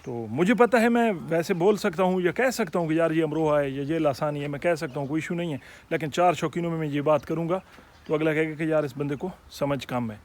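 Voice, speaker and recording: A man talks through a casual instructional video for fellow hobbyists. His voice sits somewhat high for a man, and he explains things step by step, often pausing to ask whether viewers are following. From Pakistan. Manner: explanatory, repeats "theek hai" to check in with viewers; friendly, addresses viewers as friends and fellow hobbyists. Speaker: poultry breeder and channel host.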